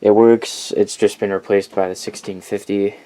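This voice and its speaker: A collector presents his weather radios in a warm, lowish voice that barely moves in pitch, at normal speed. The recording is low quality, with clear background noise. His showcase is casual and unscripted, rambling, self-correcting and blunt.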